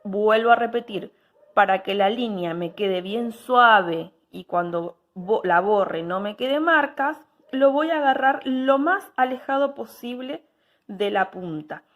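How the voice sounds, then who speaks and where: A woman, giving a patient step-by-step technical drawing lesson and checking in with her students after each step. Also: fairly high pitch.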